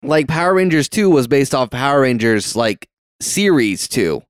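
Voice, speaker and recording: A man's voice: medium pitch, sing-song, moderate pace, clean tone, dry recording, clean studio sound. A young man chatting casually while watching a movie, with a stutter, rambling and swearing freely. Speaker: movie watch-along co-host. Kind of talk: casual chat.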